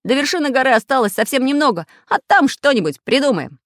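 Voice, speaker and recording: Guy doing a bossy energetic tinker from a storybook, lively voice, dry sound. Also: extremely high pitch, quick pace, dry recording, voice pushed up, full character voice. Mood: urgent. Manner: energetic, commanding. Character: brisk resourceful tinker man, bold leader.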